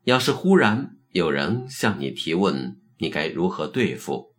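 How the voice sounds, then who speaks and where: A man voicing a terse, probing elderly Zen master in a told story, low and measured. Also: very animated. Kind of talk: storytelling narration.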